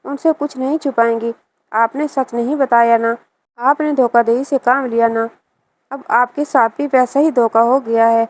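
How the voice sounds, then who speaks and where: A woman voicing a young male landowner husband who speaks in a quiet, measured, rebuking way. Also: on the high side, fairly even intonation, natural voice. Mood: reproachful.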